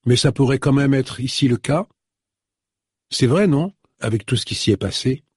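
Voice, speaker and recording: Audiobook casting: a man playing a young woman, eager and emotional, raised husky voice, close dry sound. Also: mid-range voice, expressive, moderate pace, a little mellow, no echo. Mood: musing.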